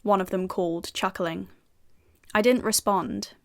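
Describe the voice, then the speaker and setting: A woman's voice: medium pitch, fairly even intonation, measured pace, lightly acted. A young British woman playing a self-assured FBI agent and narrating in first person with dry, sardonic asides. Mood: wry. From United Kingdom.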